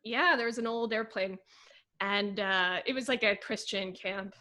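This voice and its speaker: A young adult woman co-hosting a podcast in casual chat, chatty and quick to laugh. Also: mid-range voice, sharp tone. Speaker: podcast co-host.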